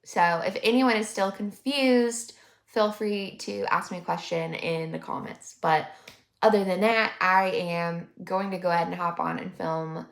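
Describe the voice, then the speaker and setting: With a lowish, vocal-fried voice and fairly even intonation, this young commentary YouTuber in her 20s speaks a little slowly. She reacts to a vlog clip in a chatty, sarcastic, mocking way. The sound has a roomy echo.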